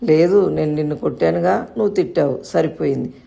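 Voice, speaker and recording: Woman doing a worried young mother, soft and gravelly, mellow tone, storybook. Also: deep voice, fairly quick. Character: anxious, protective young mother.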